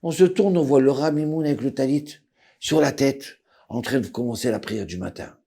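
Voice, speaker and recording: A man, telling a personal story in a lively way and acting out the voices. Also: medium pitch, moderate pace, husky. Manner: lively, acts out voices, swings loud and soft.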